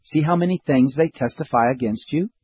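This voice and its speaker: A man with a husky voice reading the part of a stern Roman governor questioning a prisoner, in a measured, slightly raised tone. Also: on the high side, muffled recording.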